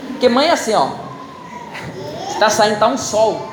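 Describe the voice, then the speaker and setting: A man with a fairly high voice delivers a lively, story-driven sermon, cracking jokes and turning to the congregation with questions. His voice rings through a large hall with a long reverb. Steady background noise sits under him. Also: moderate pace. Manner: animated, humorous anecdotes, addresses audience directly. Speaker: preacher. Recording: echoey hall with loud ambient noise.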